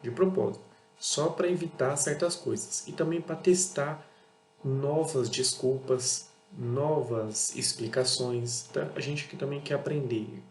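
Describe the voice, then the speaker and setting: Speaking unhurriedly at mid-range pitch, this channel host, who runs an auto parts business in Brazil, talks bluntly and repetitively in a Brazilian Portuguese accent. He acts out customer conversations in a casual monologue. The room is echoey with a faint hum and faint music behind.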